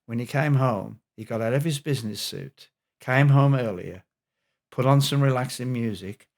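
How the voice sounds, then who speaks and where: Gravelly man telling a story. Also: medium pitch, normal speed. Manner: animated anecdotal storyteller. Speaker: guest health expert. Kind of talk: storytelling in a podcast interview.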